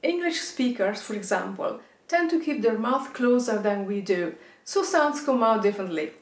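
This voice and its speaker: Female Italian-accented language teacher, slightly high voice, enunciating rolled R drills in a roomy recording. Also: animated, moderate pace. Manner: demonstrates rolled R exercises, enunciating example words. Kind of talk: instructional pronunciation lesson. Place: indoor studio with plain backdrop.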